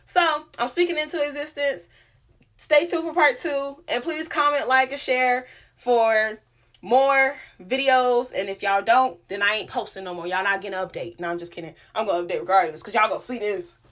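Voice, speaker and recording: A woman's voice: mid-range voice, brisk. A woman telling her story in a candid motivational vlog, emphatic and slangy, recorded on a phone in a small closet. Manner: animated, emphatic, slangy and informal. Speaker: vlogger and aspiring motivational speaker.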